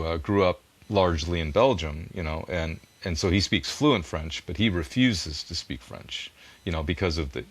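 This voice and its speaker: Earnest and self-deprecating, a music producer talks at length as a guest in a relaxed interview, English being his native language. His voice is deep with a fairly bright tone, and there's no room sound.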